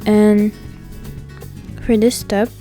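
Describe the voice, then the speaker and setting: Talking extremely slowly in a flat, warm, medium-pitched voice, a young nail technician gives an informal tutorial voice-over with music underneath. She fills her chatter with "like," and her words come out a little impeded because her mouth is swollen.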